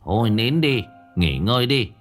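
A man's voice: medium pitch, very animated, normal speed, soft background music, close to an everyday voice. A man voicing a rowdy, nagging drunken village neighbor in a spoken ghost story. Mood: gruff coaxing. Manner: loud, nagging, slurring banter.

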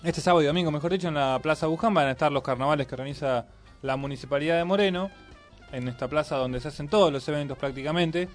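A man from Argentina, co-hosting a casual local radio show, relaxed and wry while reading announcements. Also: on the high side, fast, faint music behind. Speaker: radio host.

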